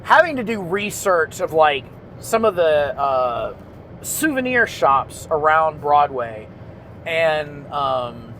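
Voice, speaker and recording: A man's voice: fairly high pitch, animated, slow pace, fairly bright tone, a little hiss or hum. A man with a Southern accent hosting a podcast, telling stories in a rambling, casual way with the odd swear word. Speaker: podcast host. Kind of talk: casual chat.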